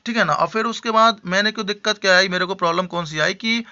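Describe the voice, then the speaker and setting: Bright-voiced man teaching English, lo-fi. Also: sits high. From India. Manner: explains patiently, with frequent check-ins and slow repeated example sentences. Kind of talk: Hindi-language English lesson. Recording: dull lo-fi recording.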